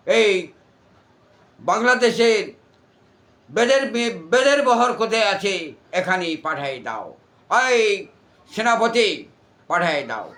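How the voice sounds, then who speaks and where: A man's voice: sits high, pushed and bright, exaggerated voice. A man with a Bangladeshi accent voicing a boastful, furious jungle demon in declamatory folk-theatre style. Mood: commanding. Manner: declamatory, swinging between bellows and drops.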